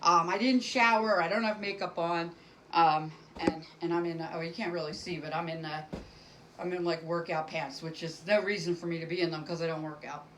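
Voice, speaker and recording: A woman's voice: on the low side, steady tone, fairly quick, noisy background. A middle-aged woman doing a casual stand-up monologue to camera from home, rambling and self-deprecating with many fillers. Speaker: stand-up comic.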